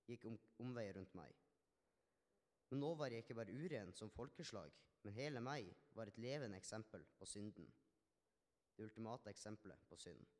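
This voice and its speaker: A man's voice: fairly low pitch, lightly acted. A man playing a healed Samaritan leper man, telling his story in an earnest, reflective first-person monologue with small restarts. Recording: long hall reverb.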